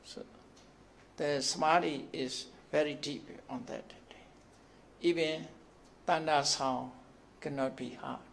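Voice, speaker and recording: A man teaching as a senior monk, slowly answering questions at a course ceremony with halting explanations and laughter. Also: a little high, steady tone, vocal fry, a bit bright, a little hiss or hum. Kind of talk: dharma talk answering questions. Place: hall at a ceremony.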